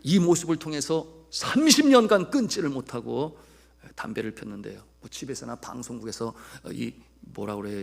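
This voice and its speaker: A male pastor preaching a sermon, telling a story to his congregation and shifting between loud, emphatic calls and hushed narration. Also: medium pitch, creaky, slightly rough. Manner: addresses the congregation often.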